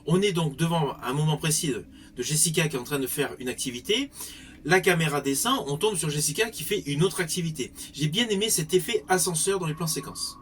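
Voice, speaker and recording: A man's voice: fairly high pitch, animated, a little fast, fairly bright tone, a little hiss or hum. A man giving a spoken film review in an articulate way with formal wording.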